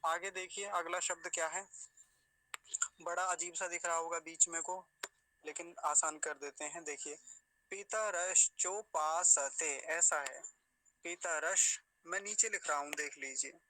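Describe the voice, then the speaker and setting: Man slowly teaching Sanskrit pronunciation. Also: a little high, fairly even intonation, bright, forceful tone, poor audio. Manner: slow syllable-by-syllable demonstration. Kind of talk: recitation lesson.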